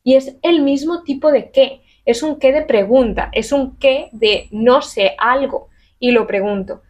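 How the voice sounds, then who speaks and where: A woman from teaching a Spanish grammar lesson to camera in a lively, chatty way, acting out little example questions. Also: high-pitched, unhurried.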